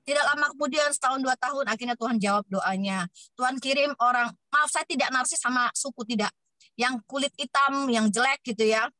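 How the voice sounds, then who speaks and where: Woman giving testimony, high bright voice, chatty colloquial storytelling, dry close audio. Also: a little fast, no echo, poor audio. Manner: chatty, colloquial, many fillers. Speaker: church member giving testimony.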